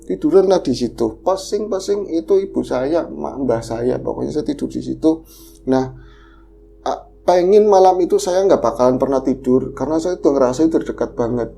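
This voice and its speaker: Man, casual horror storyteller, gravelly and dark. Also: medium pitch, normal speed, faint music behind. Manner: animated, acts out the voices of characters. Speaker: podcast storyteller.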